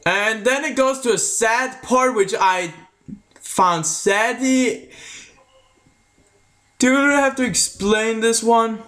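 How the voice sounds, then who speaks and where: High, slow-talking male reviewer; casual, halting, self-correcting delivery with a half-American, half-British sound. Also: pushed and bright. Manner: halting, restarts sentences often. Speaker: video reviewer. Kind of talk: casual spoken video review.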